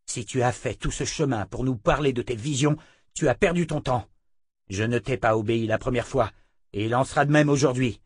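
A man's voice: mid-range voice, fairly quick, husky, no echo, studio quality, pitched above the performer's own voice, close to an everyday voice. A man reading an audiobook, voicing a defiant young man who argues and pleads. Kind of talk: audiobook character voice.

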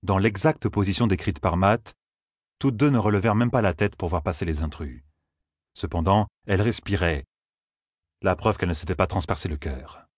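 A man narrating a fantasy audiobook in a measured, steady reading. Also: low voice, husky, no echo, clean studio sound. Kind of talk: scripted narration.

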